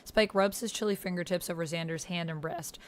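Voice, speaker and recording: A live tabletop roleplay stream host chats casually and mutters to herself as she types, reading typed posts aloud while the keyboard clicks. She sounds brisk, with a lowish voice and fairly even intonation.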